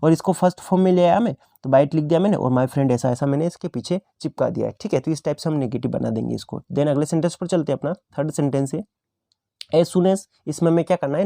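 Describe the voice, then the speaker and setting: Male tutor, exam-prep grammar lesson, slightly high and mellow, dry close recording. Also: vocal fry, no echo. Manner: repetitive teacher's questions and answers, slows down on English examples. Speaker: English teacher.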